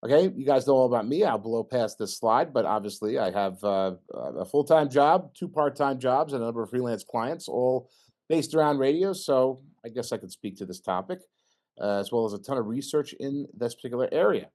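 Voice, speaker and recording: Man, middle-aged, presenter, informal tech talk, animated swooping pitch, quizzes the audience. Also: a little fast. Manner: lively, joking, asks audience questions. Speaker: presenter at an engineering society meeting. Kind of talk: informal technical talk with slides.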